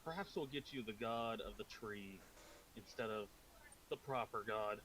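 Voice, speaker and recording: A man's voice: on the low side, measured pace, fairly bright tone, slight background noise, rough recording. A man playing a tabletop game, speaking casually in character. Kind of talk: casual in-character role-play.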